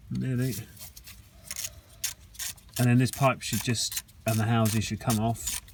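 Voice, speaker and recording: A man's voice: mid-range voice, background noise. Easygoing man fixing a van. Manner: relaxed, self-deprecating, thinks aloud with many ums. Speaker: DIY mechanic vlogger. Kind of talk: casual how-to commentary while working.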